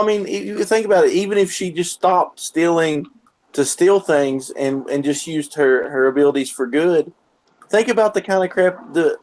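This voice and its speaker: A man in a casual stream chat, agreeable and quick to chime in. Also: a little high, darkish tone, rough recording.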